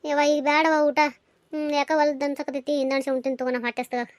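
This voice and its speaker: A woman's voice: high voice, fairly even intonation, rapid-fire, no room sound, studio quality, lightly acted. A woman doing a tearful young village wife. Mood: sulky. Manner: plaintive, pleading. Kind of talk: cartoon voice acting.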